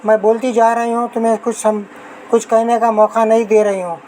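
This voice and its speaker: A woman reading an audiobook novel, voicing a talkative, excitable middle-aged wife and mother who chatters without pause. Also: fairly high pitch, slight background noise, lightly acted, poor audio. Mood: gushing. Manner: gushing nonstop chatter.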